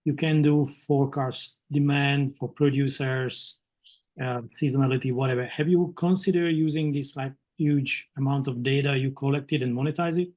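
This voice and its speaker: A man on the jury asking brisk, direct questions at an online pitch event over a video call. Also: fairly even intonation, a little mellow. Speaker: jury member.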